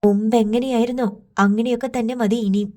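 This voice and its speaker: A woman's voice: a little high, fairly even intonation, fairly quick, mellow, lightly acted. A woman voicing a worried middle-aged mother who scolds her daughter with a shaking voice. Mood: upset scolding. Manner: scolding, voice trembling with hurt.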